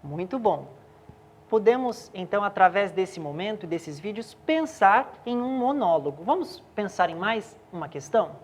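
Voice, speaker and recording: A woman teacher leading a remote class at a steady pace, guiding students and asking them questions. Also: mid-range voice, normal speed.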